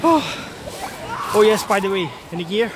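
A man's voice: sits high, expressive, normal speed. A young man chatting casually to camera as a vlogger. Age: young adult. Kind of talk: casual vlog chat. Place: large indoor snow slope hall. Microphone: handheld phone at arm's length. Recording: noisy, roomy indoor hall ambience.

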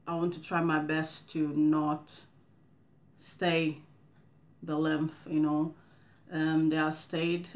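A woman in her thirties with a Portuguese accent talks slowly and deliberately to camera. Her voice sits low and flat, with little rise and fall. She pauses often, filling the gaps with soft fillers and restarting her sentences. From Cape Verde. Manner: slow, careful speech with many fillers and restarts. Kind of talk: casual talking-head monologue. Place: indoors in front of a green screen.

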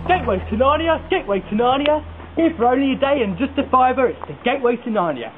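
A man playing a pushy fairground barker, calling out loud sales patter. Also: very high-pitched, lively intonation, fast, over music, pitched above the performer's own voice. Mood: brash. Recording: tinny lo-fi echoey hissy recording.

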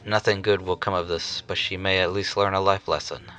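A gushing, theatrical grown man with bulging eyes, as a man puts him on for a fan anime dub. He dotes on the girl with over-the-top swoons. The voice is low and bright with a forceful edge. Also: little pitch movement, fairly quick, faint music behind. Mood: doting.

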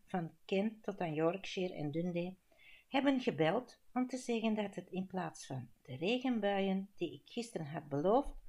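A woman's voice: lowish voice, a little mellow. A Flemish woman reading an audiobook, voicing a chatty male weatherman who talks straight to his viewers. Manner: breezy, addressing viewers.

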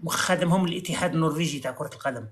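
A man with an Algerian accent hosting a live stream, talking fast and arguing with an exasperated edge. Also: fairly high pitch, fairly bright tone. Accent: Algerian Arabic. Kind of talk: heated live stream debate. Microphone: phone on a live stream.

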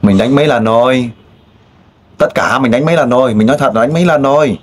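Guy interviewing someone, pushy and teasing, lots of questions and loud "oh my god"s, normal middle pitch. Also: fast. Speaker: street interviewer. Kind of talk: probing casual interview.

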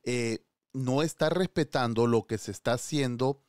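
A man's voice: medium pitch, a little slow, a little mellow, dry recording, clean studio sound. A man giving opinionated news commentary, scolding and firing rhetorical questions. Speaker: political commentator.

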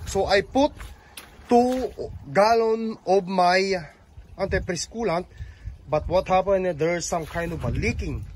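Slow-talking Filipino trucker vlogging. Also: male voice, sits high, rough recording. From Philippines. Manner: plain, slightly broken English, talks to viewers while filming. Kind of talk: casual vlog narration. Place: truck cab and repair shop, winter. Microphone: handheld phone camera. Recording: phone audio with clear vehicle noise. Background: engine and vehicle noise.

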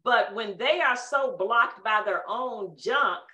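Woman, higher bright voice, reflective encouraging talk, roomy echo. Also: slow pace. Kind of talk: casual group discussion. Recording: echoey room.

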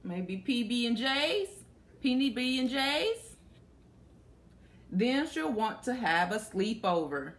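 In a small, plain room indoors, a young adult woman reads a picture book to children and pauses to ask them questions. She speaks slowly in a slightly high, animated voice.

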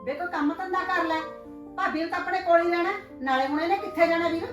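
A sharp-tongued village mother-in-law, played by a woman, bossy and loud as she scolds. Her voice sits high and rings in a roomy space. Music plays behind her. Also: quick pace. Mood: scolding. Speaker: mother in a short film. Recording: roomy film audio with music.

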